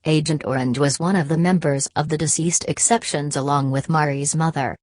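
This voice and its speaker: A woman reads a scripted superhero story as its narrator. Her voice sits low in pitch, and the recording is close and dry, with very little room sound. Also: steady tone, fairly quick, a little mellow, dry recording. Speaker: audiobook narrator.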